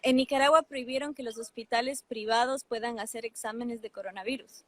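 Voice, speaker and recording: A woman journalist speaking in conversation, relaying reports in an animated, flowing way and adding frequent asides. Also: fairly high pitch, a little fast, no echo. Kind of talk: conversational debate.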